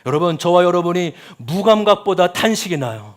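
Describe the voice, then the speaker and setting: A male pastor with a high-pitched voice delivers a sermon to his congregation. He asks them questions and calls for amens. He rises to loud cries, then drops to soft asides. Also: expressive, brisk. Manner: talks straight to the congregation with questions and calls to say amen.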